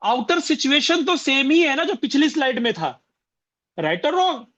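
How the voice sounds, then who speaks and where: High, bright-voiced man giving a motivational talk. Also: big pitch swings, measured pace. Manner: repeats phrases and fires rhetorical questions at the audience. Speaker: motivational business trainer. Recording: dull lo-fi recording.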